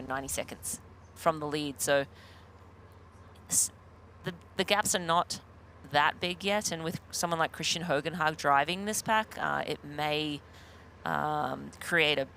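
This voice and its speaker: A man co-commentating a live race, hesitant and filling pauses with uhs as he checks gaps and names. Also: fairly high pitch, sharp tone, slight background noise. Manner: hesitant, many uhs while checking details.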